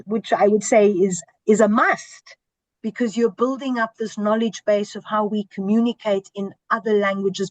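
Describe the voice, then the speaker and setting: A senior broadcast journalist, a woman with a fairly high voice, speaks in an earnest, emphatic way on a panel held over video call, repeating and listing points for emphasis. The recording is dry and the audio poor.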